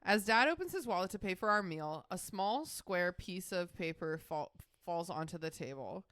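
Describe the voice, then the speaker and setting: Podcast co-host lady, lowish voice, reads old stuff out loud and cracks jokes, dry close mic. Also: animated, moderate pace, dry recording. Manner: joking asides, laughs often. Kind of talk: reading old writing aloud with commentary.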